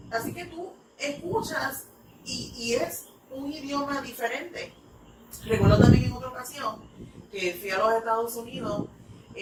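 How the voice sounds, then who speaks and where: A woman from New York, an English teacher, telling stories in a church talk with many fillers. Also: on the high side. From United States (New York). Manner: rambling, filler-heavy storytelling. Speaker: English teacher, ministry speaker. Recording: echoey room, mic far off, noisy.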